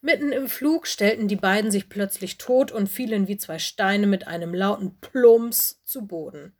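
A woman reads a children's story aloud in a calm, expressive voice. Her delivery stays steady and clear, as is typical for scripted storybook narration. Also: mid-range voice, moderate pace. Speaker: audiobook narrator.

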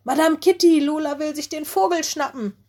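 A woman's voice: mid-range voice, measured pace, darkish tone, breathy edge. A woman voicing an eager, anxious little male wolf pupil in a storybook, calling out urgently. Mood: alarmed.

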